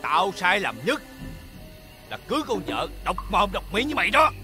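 An actor playing an arrogant, abusive eldest son in a TV drama, with a Southern Vietnamese accent and a harsh, bullying manner. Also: male voice, high voice, sing-song, normal speed, bright, forceful tone, full character voice. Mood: furious. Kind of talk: TV drama acting. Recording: music playing behind.

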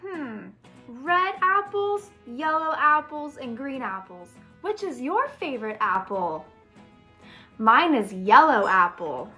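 A chirpy woman talks to young children in a high, bright voice with a lively, slow delivery. She exclaims and muses aloud between words. Soft music plays behind her. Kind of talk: educational lesson for young kids.

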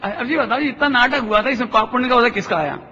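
A man's voice: extremely high pitch, quick pace, pushed and bright, slight background noise. A man giving a religious discourse, telling parables and asking the audience again and again whether they have understood. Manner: storytelling, checks understanding with rhetorical questions; acts out voices in anecdotes. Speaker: Jain scholar giving a discourse. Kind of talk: sermon with parables. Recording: dull, echoey lecture hall.

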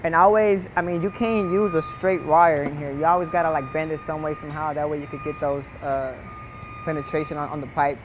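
A man's voice: a little high, fairly even intonation, fairly quick, noisy background. A young man giving a casual, rambling welding lesson, full of "you know" and "like". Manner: laid-back, rambling, many fillers like "you know" and "like". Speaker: welding instructor. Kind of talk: casual instructional voice-over.

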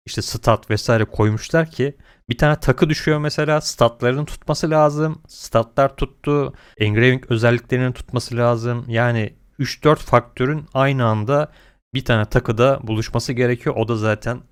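Clear-voiced man, blunt gaming commentary. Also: mid-range voice, normal speed. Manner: blunt, complaining, uses slang and mild swearing. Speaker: gaming video creator.

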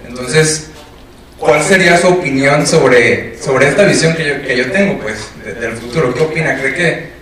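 A man in the audience asking a question, halting and searching for his words. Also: on the high side, fairly bright tone, a little hiss or hum. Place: lecture room. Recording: echoey room from a distance.

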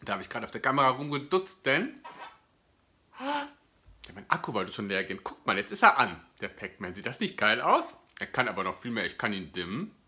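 A man's voice: medium pitch, wildly swooping pitch, brisk, sharp tone. A man, chatting casually and enthusiastically to viewers as a food review host. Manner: enthusiastic, gushing. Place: indoor living room, seated on a sofa. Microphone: camera or phone at about arm's length.

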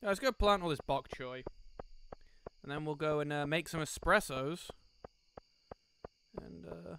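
A man's voice: on the high side, measured pace, vocal fry, sharp tone, slight background noise. A man giving casual let's-play commentary on a farming game, thinking aloud with lots of fillers. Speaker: gaming commentator.

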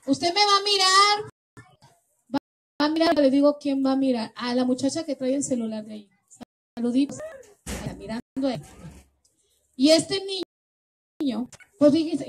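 Very high-voiced Mexican clown woman. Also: poor audio. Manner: playful, joking, shouting game commands. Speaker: children's party clown host. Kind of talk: hosting party games for kids.

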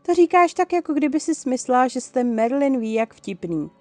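A woman's voice: sits high, very animated, no echo, soft background music, voice pushed up. A woman voicing a shy, caring teenage boy who speaks hesitantly. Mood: gentle. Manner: soft, hesitant.

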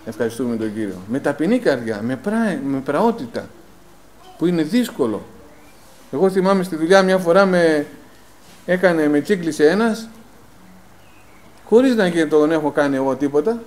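A man preaching a sermon in a plain conversational tone, asking rhetorical questions, filling pauses with "eh" and calling the congregation brothers. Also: fairly high pitch, animated, a little mellow, low-quality recording. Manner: rhetorical questions answered himself, frequent "eh" fillers; personal anecdotes told in plain conversational tone. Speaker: lay preacher.

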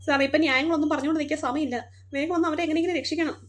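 A woman voicing an anxious, fussing mother in a cartoon, shrill and scolding. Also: fairly even intonation, rapid-fire, close to an everyday voice. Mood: frantic. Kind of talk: cartoon voice acting.

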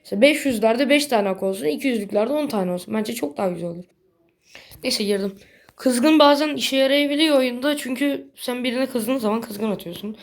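A woman giving casual gameplay commentary in a blunt, slangy way, quick to get annoyed. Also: on the high side. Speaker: gaming video creator.

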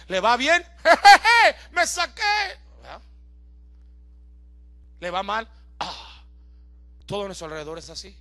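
High-voiced, bright male pastor preaching. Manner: joking asides with the congregation; builds to loud, emphatic preaching. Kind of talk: sermon. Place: church service before a congregation.

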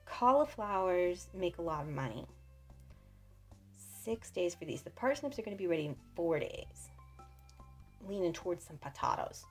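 A woman's voice: fairly low pitch, very animated, normal speed, long pauses. A woman giving casual, chatty let's-play commentary, playful and thinking aloud. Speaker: gaming video host. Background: faint game music.

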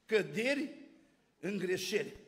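High-voiced preacher in a reverberant church. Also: male voice, sing-song, fairly bright tone. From Romania. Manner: storytelling preacher, rising and falling emphatic delivery. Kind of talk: sermon. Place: church hall. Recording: church hall with long reverb.

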